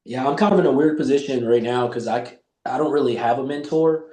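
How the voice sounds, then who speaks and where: A man's voice: mid-range voice, quick pace, warm tone. A man in his forties telling loose, profane stories in a casual podcast chat. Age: 40s. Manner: loose, profane storytelling with acted-out quotes. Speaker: podcast guest. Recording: roomy echo.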